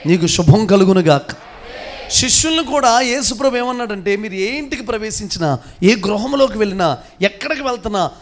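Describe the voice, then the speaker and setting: A man with a high, bright voice preaches with a Telugu accent. He drops into quiet, chatty asides, then climbs into shouted, ringing declarations. A faint hum of room noise sits under his voice. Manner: swings between soft asides and shouted declarations. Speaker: pastor. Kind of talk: Telugu sermon.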